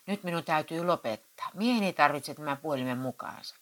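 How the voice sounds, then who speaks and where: A woman voicing a patient, mild-mannered wife who speaks calmly. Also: low voice. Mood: polite. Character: patient soft-spoken wife.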